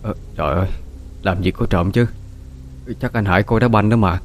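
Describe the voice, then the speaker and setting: A man's voice: lowish voice, normal speed, slight background noise, close to an everyday voice. A man voicing a sleepy, dismissive young husband, hesitating with fillers.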